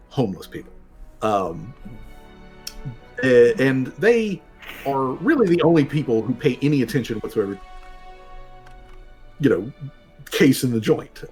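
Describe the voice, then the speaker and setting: A man running a tabletop role-playing game as game master, narrating in a casual, halting and rambling way. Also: medium pitch. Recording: music playing behind the voice. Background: background music.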